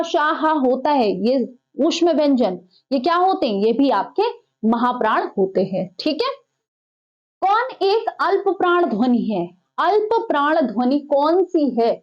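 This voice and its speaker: A woman's voice: high-pitched, lo-fi sound. A woman teaching an exam-prep lesson, putting questions to the class and then answering them herself. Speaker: Hindi teacher.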